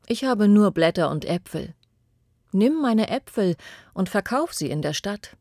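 A woman's voice: medium pitch, lively intonation, unhurried, warm tone, no echo, studio quality. A woman voicing a loving, selfless old apple tree in a read-aloud storybook, coaxing and tender. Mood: eager coaxing. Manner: eager and coaxing, later faint and whispery.

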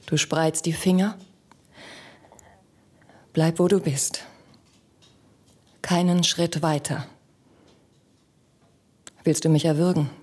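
Desdemona, a woman playing a soft-spoken young wife. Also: deep voice, fairly even intonation, breathy edge, full character voice. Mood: tender. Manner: measured, intimate, often sinking to a whisper. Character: young noble wife pleading with her jealous husband. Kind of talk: dramatic monologue.

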